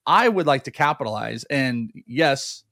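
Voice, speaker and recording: A man's voice: medium pitch, a little slow, creaky, no echo, clean studio sound. A man co-hosting a fantasy baseball podcast in casual chat, making his points emphatically and repeating them. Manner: emphatic, repetitive, animated.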